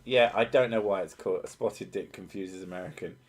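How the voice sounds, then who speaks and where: A British man with a deep, slightly fast voice trades sweary, sardonic banter in casual joking chat, sometimes turning his T's into glottal stops.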